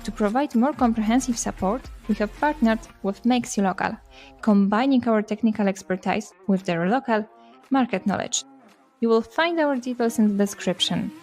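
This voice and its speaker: A woman reads a scripted intro in a smooth, even voice of middle pitch. Faint music plays behind her. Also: normal speed. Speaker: intro narrator. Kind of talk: scripted narration.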